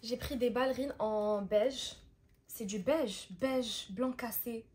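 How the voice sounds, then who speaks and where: A woman's voice: on the high side, steady tone, takes it slowly, darkish tone, slight background noise. A young woman chatting casually through a shopping haul vlog and mixing languages as she talks. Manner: chatty, switching between languages mid-sentence. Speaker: vlogger.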